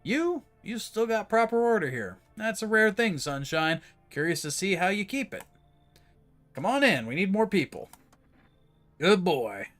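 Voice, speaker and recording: A man's voice: high-pitched, big pitch swings, measured pace, a bit bright, soft background music, pitched above the performer's own voice, full character voice. A man doing a smug survivor's drawl.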